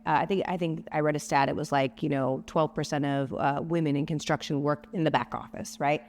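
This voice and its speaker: A woman's voice: deep voice, fairly even intonation, fairly quick, a little mellow, slight background noise. A woman co-hosting in casual chat, making emphatic points and checking in with "right?" and "okay?". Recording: long reverb.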